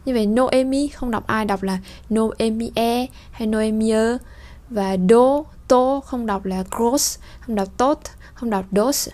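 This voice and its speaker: A woman teaching French pronunciation in a lesson, explaining slowly and drawing out model words for listeners to repeat. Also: fairly high pitch, darkish tone. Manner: slow, drawn-out model pronunciation between explanations.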